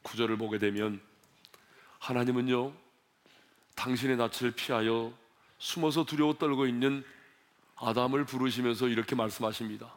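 A male pastor preaching a sermon, building to loud emphatic peaks and then dropping low and soft, asking questions and leading the congregation in reading. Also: normal speed, pauses often.

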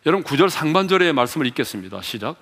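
Man, pastor, sermon, high voice, questioning the congregation, sweeping pitch and volume, long reverb in a church sanctuary. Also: big pitch swings, rapid-fire. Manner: asks the congregation questions and leads them in reading aloud; wide swings in pitch and loudness, drops low for emphasis.

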